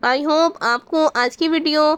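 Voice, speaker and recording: A woman's voice: sits high, a bit bright, dry recording. A woman teaching on an online Quran channel, explaining in a friendly way and mixing English words into her Urdu. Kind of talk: religious explainer video.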